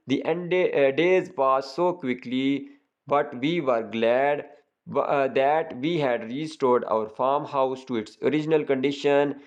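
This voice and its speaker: A man teaching a lesson, reading English sentences slowly and explaining each one at length. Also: medium pitch, lo-fi sound. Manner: slow, deliberate reading of English lines with repeated rephrasings.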